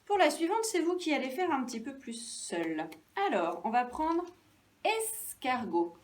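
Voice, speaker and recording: A woman teacher giving a lesson to young children, speaking slowly and clearly, stretching out syllables and encouraging them. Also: high voice, very animated, far from the mic.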